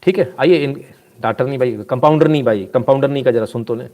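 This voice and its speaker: A man talks through viewer comments in a casual live stream. His delivery is animated and scolding, and he drifts into personal anecdotes. His voice sits at an ordinary middle pitch. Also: quick pace.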